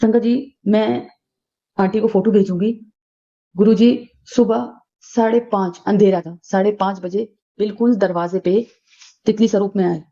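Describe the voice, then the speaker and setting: A woman's voice: medium pitch, steady tone, measured pace, mellow. A middle-aged woman telling a casual devotional testimony, chatty and full of fillers and restarts, addressing her listeners as sangat ji. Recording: dull lo-fi recording.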